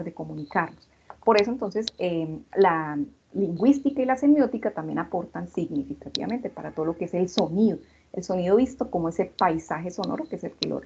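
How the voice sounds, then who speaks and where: A woman's voice: lowish voice, gravelly, highs cut off, noisy background. A woman from Colombia with a Santander accent, a university lecturer giving an online class and explaining with rhetorical questions. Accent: Santander Colombian Spanish.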